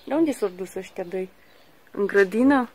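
A woman's voice: medium pitch, lively intonation, background noise. A woman filming a casual walking vlog in a village garden on a phone, exclaiming often and talking to her viewers. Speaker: vlogger.

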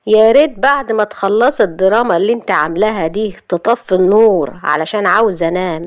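A woman's voice: mid-range voice, fast talker, no room sound, close to an everyday voice. A woman voicing a cold, threatening young husband in Egyptian Arabic.

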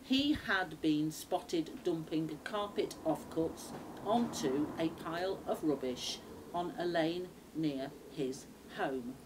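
Slow, low-pitched woman reading dictation. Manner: deliberate phrase-by-phrase reading with pauses. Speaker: shorthand dictation reader. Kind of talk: measured shorthand dictation read from a script. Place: small outdoor backyard patio. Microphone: camera a few metres away. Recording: noisy outdoor recording.

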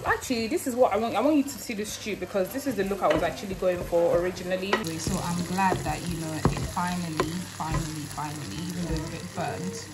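A young woman cooking vlogger chats casually and expressively while cooking in her home kitchen, filming on a phone held in hand. She talks fast with few pauses, in a fairly low, steady voice. The recording is very noisy, with music playing underneath.

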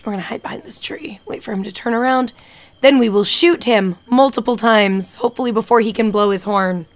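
Chatty woman streamer, excitable. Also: a little high, a little fast. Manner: chatty, excitable, thinks out loud. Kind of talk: live gameplay commentary.

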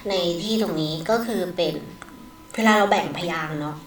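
A woman teaching English with a Thai accent, explaining in Thai and reading English phrases slowly aloud, adding polite particles after nearly every phrase. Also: lowish voice, echoey room, far from the mic, a little hiss or hum, rough recording. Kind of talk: recorded online lesson.

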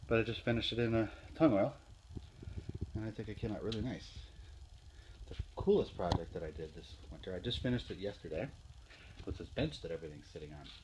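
In his garage, a hobbyist woodworker from Northeastern Pennsylvania holds up his phone camera and casually shows his projects, vlog style. His voice is on the low side with lively intonation, set against a noisy background. He talks plainly and without hurry, using fillers and restarting sentences.

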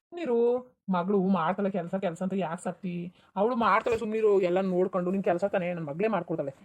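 A woman's voice: lowish voice, fast talker, lightly acted. A woman voicing an indulgent village father in a cartoon who soothes his wife and dotes on his daughter. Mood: soothing. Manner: soothing, brushing off complaints. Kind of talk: cartoon voice acting.

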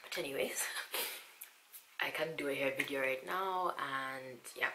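Hoarse young woman vlogging from home, half-whispering, bright voice, echoey room with a bit of hiss. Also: very deep voice, unhurried. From Zambia. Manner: half-whispering, soft and hushed at times. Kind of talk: casual chat. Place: small quiet room at home.

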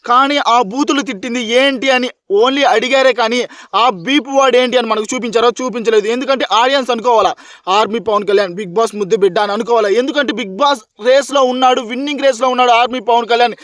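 A man's voice: extremely high pitch, steady tone, fast talker, a bit bright, dry recording. A man giving heated opinion commentary as a reality show reviewer, insisting and firing rhetorical questions.

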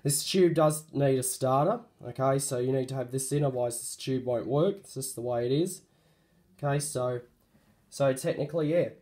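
Croaky from a cold, a man casually shows off a light fitting he fixed up, stumbling through with ums and corrections. He speaks at a mid pitch with a darkish tone, recording on his phone in a room at home.

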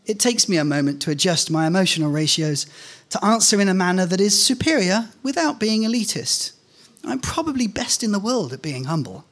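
High, sing-song and a bit bright, this middle-aged man's voice moves briskly as he reads a scripted first-person story. He performs on an indoor stage at a live reading event, speaking into a close stand microphone.

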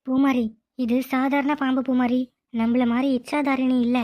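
A woman's voice: high-pitched, flat delivery, normal speed, darkish tone, dry recording, pitched below the performer's own voice, lightly acted. A woman voicing a tearful, lovesick young snake-woman in a cartoon, pleading and plaintive. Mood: calm.

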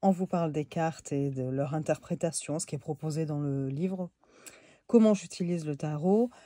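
A woman's voice: sits low, moderate pace, dark tone, no echo. A woman with a head cold, talking nasally and hesitantly through a casual tarot deck review. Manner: hesitant, many fillers, chatty.

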